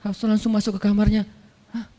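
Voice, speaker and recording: A man's voice: high-pitched, level tone, quick pace, warm tone. A man preaching a casual storytelling sermon in slangy everyday speech, playfully acting out the dialogue of the people in his story. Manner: playful, acts out quoted dialogue in colloquial slang. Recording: reverberant hall.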